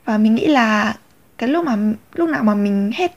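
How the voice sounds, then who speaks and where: A woman's voice: a little high, lively intonation, moderate pace, muffled recording. A young woman, rambling candidly in a casual confessional vlog. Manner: rambling, many fillers and restarts, candid. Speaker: vlogger.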